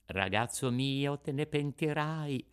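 A man voicing a gentle, patient fairy who coaxes a sick child in a storybook reading, speaking softly. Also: medium pitch, lively intonation, takes it slowly, smooth, pitched above the performer's own voice. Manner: soft, patient coaxing.

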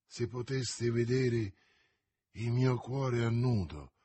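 Man playing eager young swordsman, gallant and pressing, husky tone, dry room. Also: mid-range voice, slow pace, mellow, no room sound. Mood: ardent. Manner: impassioned, gallant. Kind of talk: audiobook reading.

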